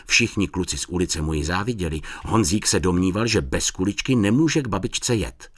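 Deep-voiced man reading a children's story. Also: no room sound. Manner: expressive reading aloud. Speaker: narrator. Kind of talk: storybook narration.

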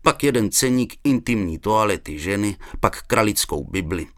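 A man's voice: lowish voice, lively intonation, no echo, clean studio sound, close to an everyday voice. A man voicing a big, eccentric surrealist poet who talks in a pompous, declaiming way.

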